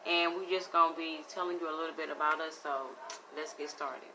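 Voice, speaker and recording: Woman, 30s, vlog host, low voice, easygoing, noisy home recording. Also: fairly even intonation, a little fast. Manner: easygoing, prompting questions. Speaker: vlogger. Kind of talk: casual mukbang chat with her son.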